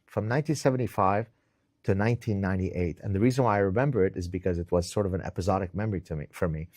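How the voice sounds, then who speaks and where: In a dry, studio-quality indoor recording, a middle-aged Lebanese author gives emphatic answers as an interview guest. His low, darkish voice moves very fast, he often repeats words as he gets started, and he caps his points with "right?"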